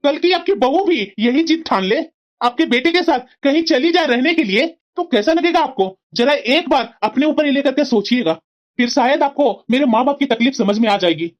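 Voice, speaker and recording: A woman's voice: sits high, animated, moderate pace. A woman voicing a stern young cartoon husband. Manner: lecturing, firm and reproachful. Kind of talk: cartoon family drama voicing. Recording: dull lo-fi sound.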